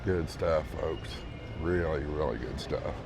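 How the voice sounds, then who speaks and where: Filmed on a handheld phone inside a large store, this man's hoarse, fading voice is very deep and moves at a measured pace over background noise. He's a laid-back vlog host giving a casual walkthrough, calling viewers "folks" and praising things again and again.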